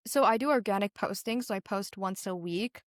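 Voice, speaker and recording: This is a teenage girl from Singapore, interviewed as a young entrepreneur, her answers sincere and casual and her stories lively and full of "like." She has a mid-range voice at a moderate pace. The studio sound is clean with no room sound.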